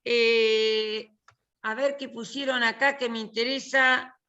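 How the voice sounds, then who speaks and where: Older woman, Argentine accent, bright piercing tone; colloquial, joking literature teacher on a video call. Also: on the high side, fairly even intonation, slow, highs cut off. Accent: Argentine Spanish. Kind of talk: casual online class talk.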